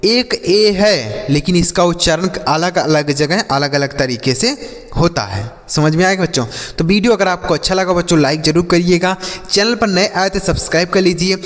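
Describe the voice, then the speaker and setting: A male teacher giving a slow spelling and phonics lesson for children, spelling letters aloud and asking questions before answering them himself. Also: high voice, fairly bright tone, long reverb tail. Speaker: English teacher.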